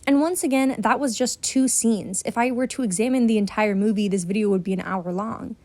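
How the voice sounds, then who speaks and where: A woman's voice: fairly high pitch, fairly quick, a little mellow, no echo. A woman narrating a scripted video essay in an earnest, explanatory way.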